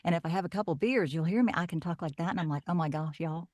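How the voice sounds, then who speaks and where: Middle-aged woman from Oklahoma, voiceover pro, low warm-toned chat, dry mic. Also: very fast, dry recording. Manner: chatty storyteller, animated asides. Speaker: voiceover artist guest. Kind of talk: casual podcast chat.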